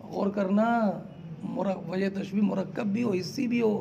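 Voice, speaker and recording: A man teaching a class, explaining slowly term by term, asking his students question after question and calling them "beta". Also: sits high, creaky, muffled recording, background noise. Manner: quizzes students with repeated questions; addresses listeners as "beta". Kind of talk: classroom lecture.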